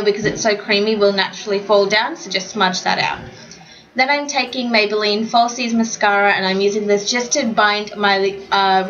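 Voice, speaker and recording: A young woman talks through her makeup steps in a casual voiceover. Her pitch sits mid-range and she stumbles over words now and then. The home recording sounds a bit dull. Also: a bit bright. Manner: chatty, slightly tongue-tied. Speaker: beauty vlogger. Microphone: home voiceover mic.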